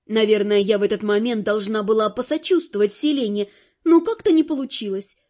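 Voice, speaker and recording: A woman narrating an audiobook in the first person, in an expressive, wry storytelling manner. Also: medium pitch, brisk, lo-fi sound. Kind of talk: scripted narration.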